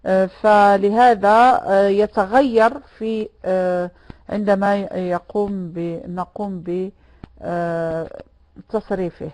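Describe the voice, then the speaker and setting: A woman's voice: medium pitch, fairly even intonation, moderate pace, darkish tone, low-quality recording. A woman teaching a French lesson online, patiently repeating words and correcting students by name.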